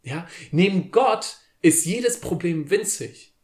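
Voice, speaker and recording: A man's voice: high voice, animated, slow pace, darkish tone. A man hosting a short casual devotional video, who reads a scripture passage and then retells it loosely with slang and restarts. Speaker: youth devotional host.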